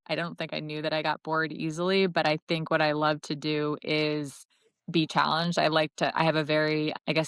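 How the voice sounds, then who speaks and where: A middle-aged woman from Connecticut talks through her career as a podcast guest, pausing to rephrase as she goes. Her voice sits low and sounds smooth and clear. The sound is dry and close. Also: a bit bright, no echo. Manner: thoughtful, self-correcting, with light laughs. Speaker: marketing executive guest. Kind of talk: casual interview talk.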